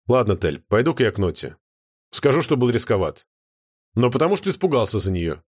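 A man's voice: medium pitch, very animated, brisk, slightly rough. A man voicing a worried, earnest dragon father with a gloomy manner.

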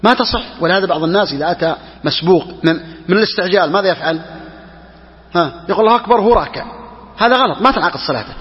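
A man teaching religious law as a sheikh, who talks quickly and repeats key phrases for emphasis. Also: high-pitched, expressive, in a large hall, muffled recording. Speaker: sheikh teaching Hanbali jurisprudence. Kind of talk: religious lesson explaining a text.

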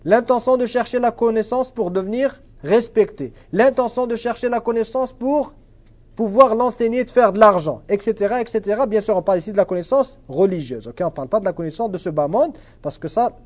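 In a dull lo-fi recording, a man with a high, darkish voice teaches a religious class and answers questions. He is earnest and repetitive, and he mixes Arabic phrases into his French.

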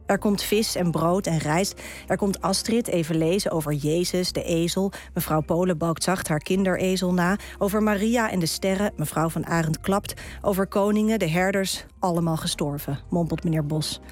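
A woman guest poet on a radio show, reading her own poem in a calm, measured way with deliberate pauses and talking about it in a studio. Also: lowish voice, faint music behind. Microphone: studio microphone.

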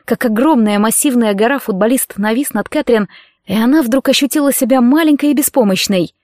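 A woman narrating a story in a tense, expressive reading. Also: fairly high pitch, fairly quick, dry recording, studio quality. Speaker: audiobook narrator. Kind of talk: scripted narration.

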